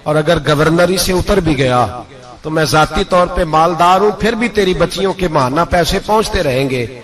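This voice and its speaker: A man voicing a wealthy, kind-hearted governor who speaks in soft, reassuring tones. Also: fairly high pitch, lightly acted, low-quality recording.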